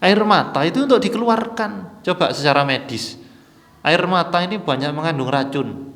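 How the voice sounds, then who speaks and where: A man preaching in a religious study session with an East Javanese accent, lively and acting out quoted voices as he teaches. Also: on the high side, moderate pace, big-room sound. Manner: animated, mixes Javanese with Indonesian, acts out quoted mourners.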